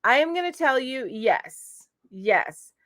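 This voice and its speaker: Woman, middle-aged, live chat host, chatty, fillers, higher voice, dry close sound. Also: sing-song, takes it slowly, a bit bright, no echo. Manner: chatty, reads comments aloud with frequent fillers. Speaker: crochet channel host. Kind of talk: live-stream chat reading viewer comments. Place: home.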